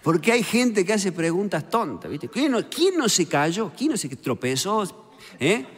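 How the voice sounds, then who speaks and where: A stand-up comedian from Córdoba speaks with a Cordobés accent, tossing off jokes with constant little conversational tags. His fairly high voice swings widely in pitch. The recording carries a long, reverberant tail and a faint background noise. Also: big pitch swings, measured pace. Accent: Cordobés Argentine Spanish. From Córdoba, Argentina. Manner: chatty joke-telling, peppered with "viste" and "eh" tags.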